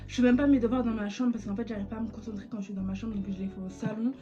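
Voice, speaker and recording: A woman's voice: on the high side, fairly even intonation, racing, dark tone. A woman, chatting casually as she vlogs. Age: late teens. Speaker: vlogger. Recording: muffled lo-fi sound, music behind.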